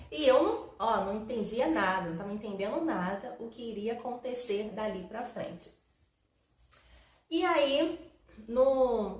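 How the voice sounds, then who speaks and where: A woman's voice: mid-range voice, a little mellow. Chatty woman vlogger, echoey room. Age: 30s. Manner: chatty, emotional, addresses viewers as "gente". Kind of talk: personal storytelling to camera.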